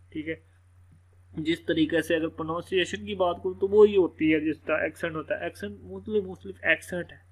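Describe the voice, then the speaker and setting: Guy teaching a lesson, voice sits a bit high, keeps saying theek hai to check ur with him. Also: a bit bright, rough recording. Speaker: English teacher. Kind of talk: explaining in a lesson.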